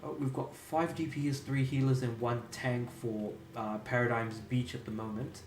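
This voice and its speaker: A man's voice: medium pitch, fairly even intonation, moderate pace, slight background noise. A young man from Australia, chatting casually and rambling while streaming a game. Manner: rambling, laid-back, self-amused. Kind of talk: casual live-stream chat. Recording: echoey room.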